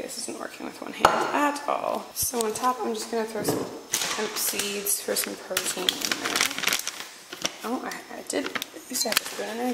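A woman's voice: mid-range voice, gravelly, very noisy. A woman in her twenties chatting casually to her vlog camera, rambling along with frequent ums. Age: 20s. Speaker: vlogger.

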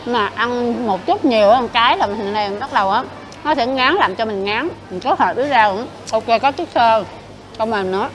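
A woman's voice: on the high side, normal speed, slight background noise, rough recording. A woman reviewing food in a casual vlog, chewing while she talks as she tastes each bite. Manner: chatty, tasting and describing food. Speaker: mukbang vlogger.

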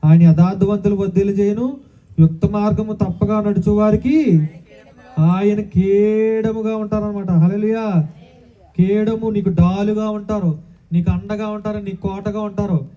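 A man's voice: high-pitched, steady tone, moderate pace, mellow. A man preaching a sermon as pastor, calling out hallelujah often and asking the congregation questions. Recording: tinny phone-like sound.

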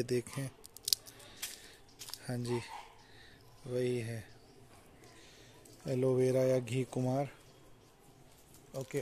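A young man casually walking through his home garden with a handheld camera, explaining each plant in a relaxed way. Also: medium pitch, a little hiss or hum. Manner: relaxed, explanatory, mixes English words into Hindi. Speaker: vlogger giving a garden tour. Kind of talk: casual walk-and-talk garden tour. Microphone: handheld phone or action camera, point-of-view. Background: faint outdoor ambience.

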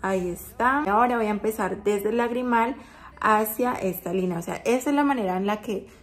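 A woman's voice: mid-range voice, a little fast. A woman vlogger talking through a makeup tutorial, chatty and explaining each step as she goes.

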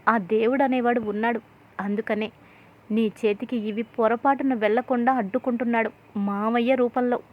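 A woman voicing a sharp-tongued sister-in-law who taunts and accuses a scheming relative. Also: a little high, fairly even intonation, moderate pace, close to an everyday voice. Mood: taunting. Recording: tinny phone-like audio.

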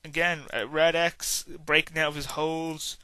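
Tired, rambling young wrestling commentator. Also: male voice, a little high, level tone, a little slow, sharp tone, smooth, no echo. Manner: casual, rambling, hums and sings to himself between calls. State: tired, yawning. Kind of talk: video game wrestling commentary.

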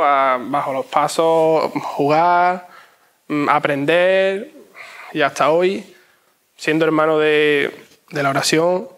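A young man gives conversational interview answers in a voice a little higher than average. He speaks in short phrases and often repeats them for emphasis. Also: fairly bright tone. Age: young adult. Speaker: interview guest. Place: inside an ornate church.

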